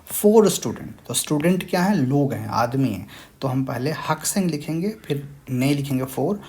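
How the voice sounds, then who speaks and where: A man's voice: medium pitch, expressive, moderate pace, darkish tone. A young man, a language teacher patiently explaining a lesson step by step. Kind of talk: screen-share tutorial explanation.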